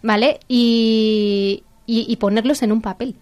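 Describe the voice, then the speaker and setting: A woman's voice: fairly high pitch, fairly even intonation, takes it slowly, darkish tone. A woman with a Castilian Spanish accent chatting casually as a segment host, enthusiastic and informal as she explains things step by step. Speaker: segment host presenting a book.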